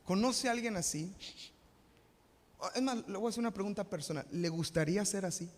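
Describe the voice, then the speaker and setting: A man's voice: high voice, brisk. A man with a Mexican Spanish accent preaching a live sermon as pastor, often asking the congregation questions and answering them himself. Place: church sanctuary. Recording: long reverb of a live church hall.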